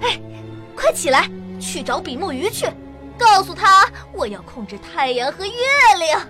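A woman doing a shrill greedy wife. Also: very animated, normal speed, music in the background. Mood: demanding. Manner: shrill, demanding, imperious. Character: greedy, bossy fisherman's wife, never satisfied.

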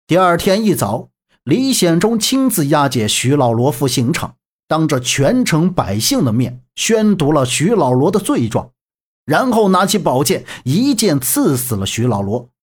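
A storyteller narrating a serialized historical novel in an expressive manner. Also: mid-range voice, measured pace, husky.

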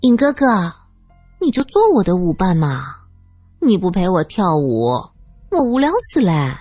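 A woman voicing a spoiled, sharp-tongued young woman who wheedles, teases and bullies in a high, shrill voice. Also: sing-song, a little slow, slightly rough, no echo, soft background music, heavily acted. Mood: wheedling, teasing.

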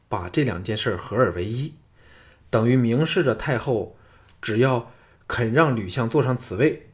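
A male audiobook narrator voicing a cunning, confident male strategist who speaks in a quiet, conspiratorial way. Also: lowish voice, natural voice. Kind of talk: audiobook character reading.

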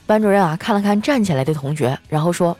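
Young woman doing a funny chatty monologue, super expressive voice. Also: lowish voice, quick pace, soft background music. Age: young adult. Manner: animated, self-mocking, chatty. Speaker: host. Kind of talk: comic storytelling monologue with ad reads.

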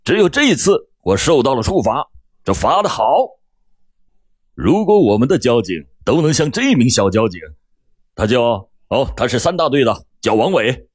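A man's voice: medium pitch, big pitch swings, moderate pace, husky, dry recording, clean studio sound. A man voicing a middle-aged male police bureau chief giving an emphatic formal speech. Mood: stern.

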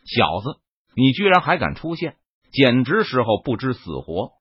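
A man playing an arrogant, powerful warrior leader who talks gruffly and scornfully, on a muffled lo-fi recording. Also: medium pitch, big pitch swings, moderate pace.

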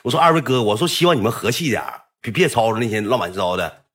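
A man with a Northeastern Mandarin accent telling a rambling story in a casual, animated way, swearing freely. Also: mid-range voice, rapid-fire.

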